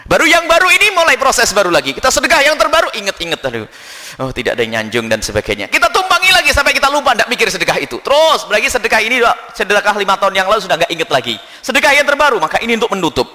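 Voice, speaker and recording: A man preaching a religious lecture to a congregation, animated and acting out little scenes as he explains. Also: high voice, big-room sound. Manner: animated, acts out little scenes with quick voices. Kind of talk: religious lecture answering a question.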